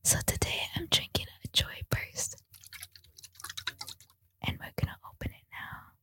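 A woman's voice: a little slow, sharp tone. A woman doing a whispered role-play, a mock ASMR bit on a casual podcast. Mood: whispery. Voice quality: breathy whisper. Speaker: podcast co-host.

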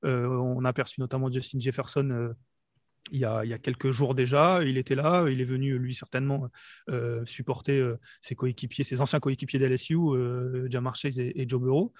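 Casting: quick, hesitant male reporter from southern France, dry close sound. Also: mid-range voice, fairly even intonation, darkish tone, no echo. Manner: hesitant, many fillers and restarts. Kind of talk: casual podcast chat.

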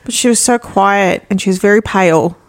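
A woman's voice: mid-range voice, fairly quick. A woman, co-hosting a podcast and telling a rambling anecdote in casual chat, swearing freely. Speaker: podcast co-host.

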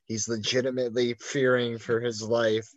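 A man's voice: mid-range voice, little pitch movement, normal speed, dry recording, muffled recording. A man co-hosting a casual podcast, rambling through a story with constant "like" fillers and plenty of swearing. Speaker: podcast co-host.

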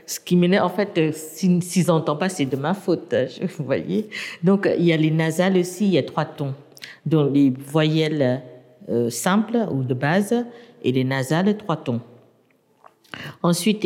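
Native Burmese-speaking woman lecturer, low and mellow, hesitant explainer, long reverb. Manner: hesitant, many restarts and fillers, explanatory. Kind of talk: interview.

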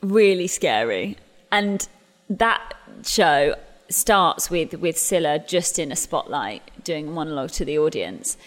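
Her deep voice is animated yet measured in pace: an English musical theatre actress in her thirties, chatting about her career during an interview conversation. She often restarts and laughs at herself self-deprecatingly, and the sound has a long reverb tail.

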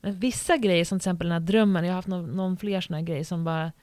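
A woman with a fairly low voice muses in relaxed conversation, thinking out loud as she goes. The sound is dry and close. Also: dry recording. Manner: musing, thinks aloud, gives many soft agreeing murmurs. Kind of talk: casual chat.

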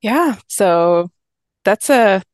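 A woman's voice: mid-range voice, lively intonation, drawn-out words, dry recording. A woman in her thirties from Pakistan, a physician guest telling her story in a friendly way and laughing easily. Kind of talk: casual interview talk.

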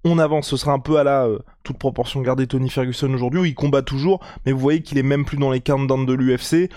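A man co-hosting a casual sports podcast, talking in an animated, colloquial way and thinking aloud. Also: mid-range voice, quick pace. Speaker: podcast co-host. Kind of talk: casual chat about MMA.

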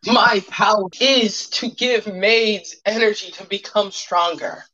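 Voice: mid-range voice, slow, sharp tone, pitched above the performer's own voice. A game master voicing a smug, spoiled rich young male hero in a tabletop game, boastful and condescending. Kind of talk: tabletop role-play character acting. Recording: dull lo-fi sound.

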